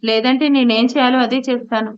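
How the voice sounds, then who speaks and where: A woman's voice: on the high side, steady tone, fairly quick, close to an everyday voice. A woman voicing an irritated, bossy young man in an audio story, speaking sharply and impatiently. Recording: slightly muffled audio.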